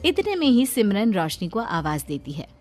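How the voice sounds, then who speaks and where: Expressive woman narrating a story. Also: mid-range voice, moderate pace, soft background music.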